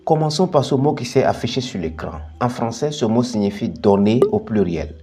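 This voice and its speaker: A man hosting a bilingual English lesson, explaining pronunciation and slowly modelling word pairs one after another. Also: mid-range voice, expressive. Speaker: English teacher, channel host.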